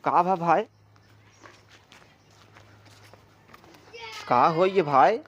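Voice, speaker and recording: A man's voice: fairly high pitch, measured pace, a bit bright, highs cut off, a little hiss or hum. A man with an eastern Uttar Pradesh accent playing a town drunk, a whiny, pleading village husband, in an amateur comedy skit. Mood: bewildered.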